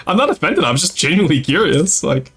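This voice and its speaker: Very animated and fairly quick, a young French Canadian streamer speaks in a fairly high, slightly bright, husky voice over soft background music. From Quebec, Canada, with a light Québécois accent, he chats casually with viewers while playing a strategy game. It's a casual gameplay livestream, and he chattily reads and answers chat as he plays.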